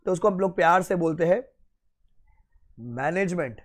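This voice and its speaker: A man's voice: high voice, a little slow. A man giving a lecture, quizzing his students and answering his own questions as he mixes Hindi and English. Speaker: teacher. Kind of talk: classroom lecture.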